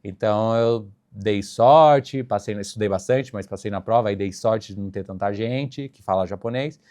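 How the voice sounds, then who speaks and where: A man's voice: on the low side, normal speed. A young Brazilian man, a flight attendant guest, chatting casually and animatedly with frequent laughter. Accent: Brazilian Portuguese. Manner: animated storyteller, laughs often. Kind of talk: casual interview chat.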